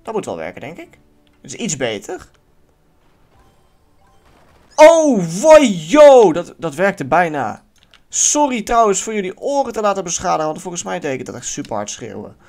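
A man talks through a puzzle game in casual let's-play style. His voice sits a little high and swings widely, breaking into loud yells and curses at near misses. Faint game music plays underneath. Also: fast talker, gravelly. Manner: lively, swears, bursts into yells at near misses. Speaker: gaming YouTuber.

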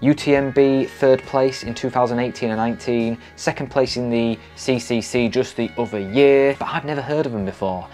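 A young British man chats casually to camera like a vlogger going through new gear. His pitch is average for a man. He is indoors in a small home office, with soft music underneath. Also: steady tone, moderate pace, few pauses. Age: young adult. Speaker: trail running vlogger.

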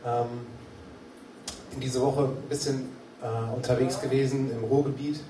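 A man performing a rhymed spoken-word poem at a poetry slam, building to a loud, repeated refrain after a chatty introduction. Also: medium pitch, flat delivery, moderate pace, reverberant, distant mic, a crowd in the background. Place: live stage at a poetry slam venue.

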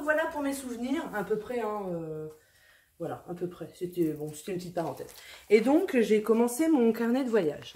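A woman's voice: mid-range voice, mellow. A middle-aged woman chatting casually on her vlog, rambling and full of fillers. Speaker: vlogger. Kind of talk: casual chat.

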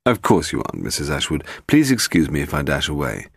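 A man reading an audiobook voicing a charming, breezy gentleman detective. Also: extremely low pitch, very animated, gravelly, husky, no room sound, clean studio sound, exaggerated voice. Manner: charming, light, quick.

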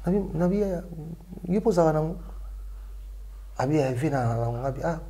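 Animated man, high-pitched. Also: fairly quick. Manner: animated, mixing French and Lingala. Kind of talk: casual chat.

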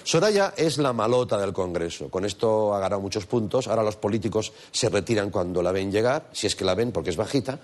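A man's voice: on the low side, expressive, brisk, hardly any pauses, darkish tone. A man from doing a sarcastic comedic radio monologue. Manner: mocking, sarcastic. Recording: live audience laughter and noise.

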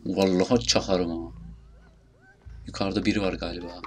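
A young man with a Turkish accent casually commentating his gameplay, muttering, swearing at enemies and bursting out loudly now and then. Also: deep voice, level tone, normal speed, background noise. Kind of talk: casual let's play commentary.

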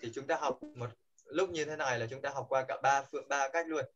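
A man with a Vietnamese accent teaching English pronunciation in a classroom, coaxing the students and modeling words loudly for them to repeat. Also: medium pitch, fairly even intonation, a little fast, highs cut off.

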